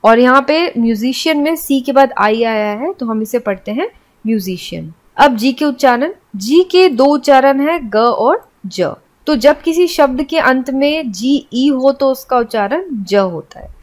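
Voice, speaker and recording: A woman's voice: sits high, lively intonation, a little slow, few pauses. A woman teaching English pronunciation, explaining each rule step by step and spelling words out letter by letter. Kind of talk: classroom explanation.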